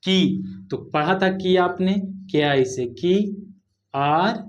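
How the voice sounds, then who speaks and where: Male teacher, Hindi accent, patient and drawn out, slightly high voice, spelling lesson. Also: drawn-out words, highs cut off. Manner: spells words letter by letter, drawn out; explains patiently, repeating words. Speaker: English teacher.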